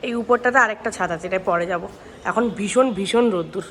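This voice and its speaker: A young woman chatting casually as a vlogger, excitable and talkative. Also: mid-range voice, quick pace, slight background noise. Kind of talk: casual vlog narration. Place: family home and outings.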